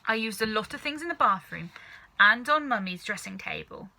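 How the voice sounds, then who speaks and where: A woman's voice: on the high side, lively intonation, moderate pace, pushed and bright, slight background noise, heavily acted. A woman voicing a young boy in a children's storybook, earnest and a little hesitant, as if pleading to be heard. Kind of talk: children's storybook character reading.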